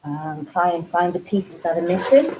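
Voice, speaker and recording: A woman's voice: fairly low pitch, expressive, moderate pace, background noise. A woman with a Geordie accent hosting a casual live craft stream from home, chatting and rambling with lots of ums. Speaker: craft channel host.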